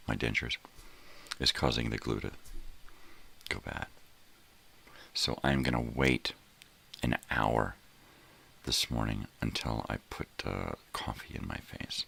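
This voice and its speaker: A middle-aged or older man with a gravelly, raspy voice, chatting in a laid-back, rambling way as he hosts a morning live stream, often repeating himself. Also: rumbling low, pushed and bright. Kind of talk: casual rambling vlog chat.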